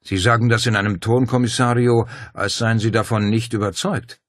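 A man's voice: fairly low pitch, fairly even intonation, normal speed, no echo, studio quality, voice pushed up, close to an everyday voice. A man voicing a courteous, anxious older clergyman in an audiobook, polite and solicitous in manner. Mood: concerned. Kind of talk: audiobook character voice.

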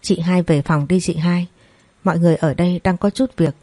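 A woman plays a teary younger sister pleading for calm. She coaxes and begs in a low mellow voice, heard up close and dry. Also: brisk, dry recording. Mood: coaxing, tearful. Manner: coaxing, begging.

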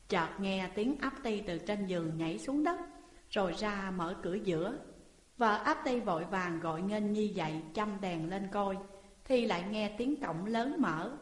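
A woman reading a classical tale aloud as a storyteller, voicing the characters' lines with shifting pitch and energy. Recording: echoey room with long reverb.

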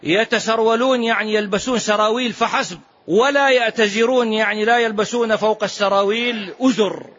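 A man's voice: high-pitched, steady tone, brisk, fairly bright tone. A man giving a didactic religious lesson in formal Standard Arabic with colloquial asides, repeating phrases and posing questions to his listeners. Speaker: preacher teaching before congregational prayer. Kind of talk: religious lesson, explaining scripture. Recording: muffled, dull lo-fi lecture recording.

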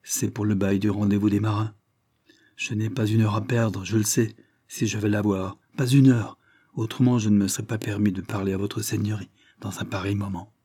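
A man's voice: fairly low pitch, level tone, normal speed, mellow, slightly rough. A man voicing a male tenant in an audiobook, polite on the surface but biting and almost imperious. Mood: insistent. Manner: respectful yet biting, nearly imperious. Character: deferential but bold male tenant seeking a lease.

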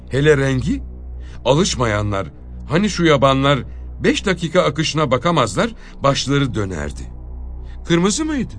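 A man reading a dramatic story aloud as narrator, expressive and with measured pauses. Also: mid-range voice.

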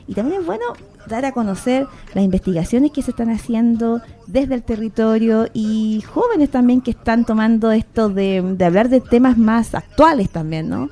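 Warm-voiced woman radio host. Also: a little high, moderate pace. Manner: relaxed, thinks aloud with fillers and tag questions. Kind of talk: casual radio talk introducing guests. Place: radio studio.

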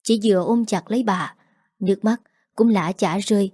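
Female audiobook narrator, first-person drama, emotional but measured, warm dark tone, dry close mic. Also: medium pitch, husky, no echo.

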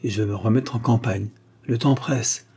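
A man's voice: lowish voice, moderate pace, warm tone, husky. A man voicing a boastful, cheeky Gascon private detective who talks with cocky self-assurance.

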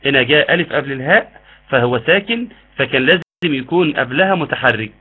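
A man with an Egyptian accent teaching an online tajweed lesson, explaining patiently and modeling slow recitation. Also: medium pitch, lively intonation, husky. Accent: Egyptian Arabic. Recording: tinny phone-like line.

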